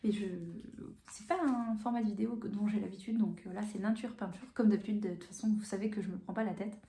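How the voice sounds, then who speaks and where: A woman answers viewer questions in a relaxed, unscripted chat, stopping often to restart her sentences and fill pauses. Her voice is mellow and even, with little rise and fall. The sound carries a roomy echo from the room she records in. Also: medium pitch, a little hiss or hum. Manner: hesitant, many fillers and restarts; calm, even delivery. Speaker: coloring channel host. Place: home room with bookshelves.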